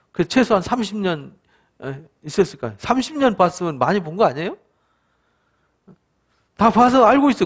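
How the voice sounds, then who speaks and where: A man, a pastor, giving a conversational Bible study lecture, asking his listeners to agree and acting out what people said. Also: high voice. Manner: conversational, asks the listeners for agreement, acts out quoted speakers.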